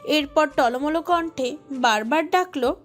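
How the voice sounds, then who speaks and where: A woman narrating a romantic audio story with expressive, emotive delivery. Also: high voice, slow, soft background music.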